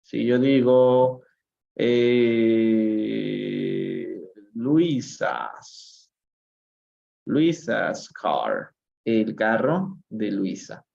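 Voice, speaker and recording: A man's voice: medium pitch, creaky, warm tone, highs cut off. A man with a Peruvian Spanish accent teaching an English reading lesson on a live stream, drawing out phrases and calling on viewers by name. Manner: slow, drawn-out model readings of English phrases; addresses chat viewers by name, asks questions. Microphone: live stream phone or computer mic.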